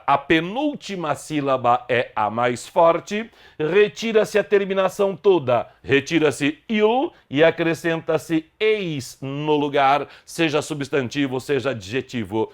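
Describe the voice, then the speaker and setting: An older man teaching a Portuguese grammar lesson, slowly repeating example words one by one in a deliberate way. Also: on the high side.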